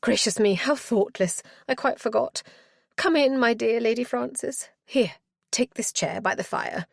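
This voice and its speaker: In a clean studio recording with no echo, a woman reads from a novel in a fairly high, creaky voice pushed up from her usual pitch, going a little slowly. She plays a flustered, fussing older village widow whose speech flutters and gushes with old-fashioned politeness.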